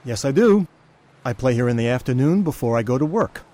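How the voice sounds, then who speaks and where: Male actor as a friendly street musician and waiter, polite, lively voice. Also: mid-range voice, normal speed, natural voice. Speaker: street violinist who works as a waiter. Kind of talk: scripted language-course dialogue.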